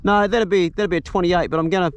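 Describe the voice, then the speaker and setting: A fishing video host from New Zealand's South Island chats out on the water with his companion and the camera, blokey, sweary and matey in a broad Kiwi accent. His voice sits high and stays steady in tone, and he talks fast. The audio is dull, though the boat and water noise around him come through clearly.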